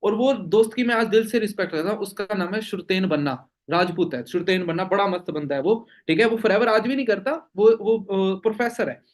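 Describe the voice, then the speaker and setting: A young man leads a network marketing meeting, answering doubts in an emphatic motivational style. His voice sits notably high, and he keeps throwing rhetorical questions and quick "okay?" check-ins at his listeners. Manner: emphatic, full of rhetorical questions and "theek hai?" tags. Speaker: network marketing team leader.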